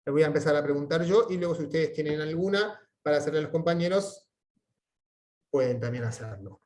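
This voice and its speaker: A man's voice: a little high, brisk, a little mellow. Encouraging male Latin teacher. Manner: encouraging, switches between Spanish and Latin questions. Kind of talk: online class teaching.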